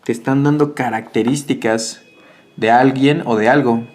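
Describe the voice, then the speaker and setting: A man who tutors exam prep, patiently walking through answers with tag questions and filler pauses. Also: mid-range voice, fairly even intonation, a little mellow. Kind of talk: exam answer walkthrough lesson.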